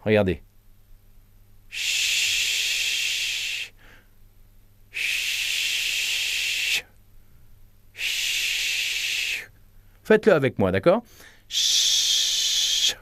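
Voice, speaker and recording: Give me a man leading a voice lesson, his pitch rising and falling in a lively, animated way. He coaches the listener warmly and patiently, showing each breath and hush himself. The recording is dry and close, with no room sound. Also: no room sound. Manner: demonstrates breaths and hushing sounds, guides the listener step by step; lively, encouraging delivery. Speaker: voice and speaking coach.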